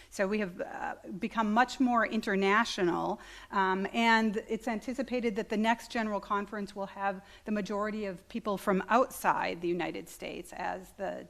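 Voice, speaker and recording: A middle-aged woman, a church conference delegate, giving an informal talk to a meeting with many ums and restarts. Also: mid-range voice. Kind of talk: informal presentation. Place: meeting hall.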